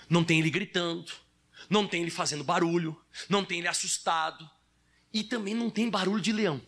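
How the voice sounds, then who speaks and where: Man, Brazilian Portuguese accent, pastor, sermon, high voice, dramatic storyteller. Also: bright, forceful tone. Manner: dramatic storytelling with vocal sound effects; emphatic, addresses listeners as brother.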